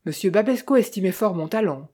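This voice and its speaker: Narrator putting on a proud old theater lady, bragging and genteel, mellow voice. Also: mid-range voice, animated, a little fast, slightly rough. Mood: reminiscing. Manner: boastful, genteel. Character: aging woman stage actress, proud, nostalgic.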